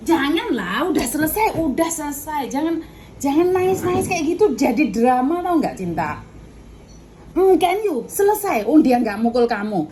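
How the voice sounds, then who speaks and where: Woman agent, high-pitched, firm lecturing tone, faint background hiss. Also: very animated, normal speed, mellow. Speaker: domestic worker agent. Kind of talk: scolding phone mediation.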